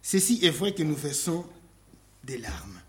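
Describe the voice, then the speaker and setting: A man preaching a sermon, slow and emphatic, reading scripture aloud and asking rhetorical questions. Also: fairly high pitch, big pitch swings, fairly bright tone.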